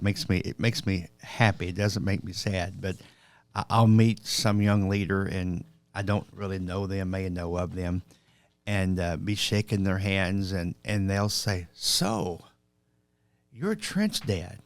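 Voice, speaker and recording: A man's voice: deep voice, level tone, unhurried, no room sound. An older man, a minister, talking in a casual podcast chat, chuckling and repeating words as he goes.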